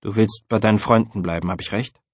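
A man's voice: on the low side, fairly even intonation, fast, husky, no room sound. A man voicing a patient adult male teacher who speaks earnestly to a student in an audiobook.

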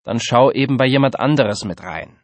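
A man's voice: medium pitch, moderate pace, dry recording, voice pushed up, natural voice. A man voicing a patient adult male teacher who speaks earnestly to a student in an audiobook.

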